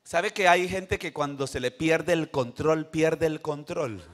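An older man preaching a sermon in a church, animated, with sudden shouts and call-and-response to the congregation. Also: fairly high pitch, unhurried. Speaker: pastor.

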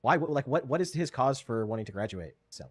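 A man's voice: mid-range voice, animated, fast, breathy edge, no room sound, studio quality. A man chatting casually as a co-commentator on a stream. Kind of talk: casual chat.

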